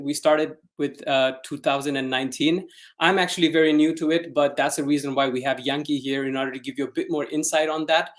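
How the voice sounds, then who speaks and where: A man presenting a community talk in a friendly, relaxed way. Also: on the high side. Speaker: conference speaker.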